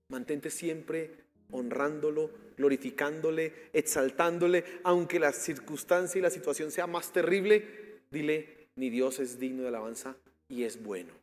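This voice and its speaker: A man's voice: high voice, long reverb tail. A male pastor from Colombia preaching a sermon and leading a fervent prayer in a church. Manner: impassioned preaching with rising prayer. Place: church sanctuary.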